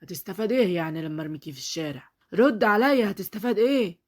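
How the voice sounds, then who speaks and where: Female reader playing a stern middle-aged Egyptian father, scolding at a quick clip, storybook reading. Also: medium pitch, lightly acted. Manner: reproachful, scolding.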